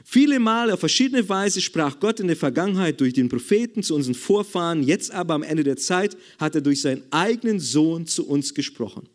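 High-voiced man preaching a sermon. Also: expressive, a little fast, hardly any pauses. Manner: emphatic, repetitive, calls for amens. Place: church service.

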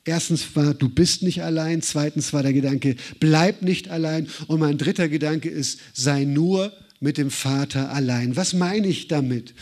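A man's voice: fairly high pitch, a little slow, hardly any pauses, a little mellow. German man preaching, direct and personal. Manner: direct, personal address with rhetorical questions. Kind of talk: sermon.

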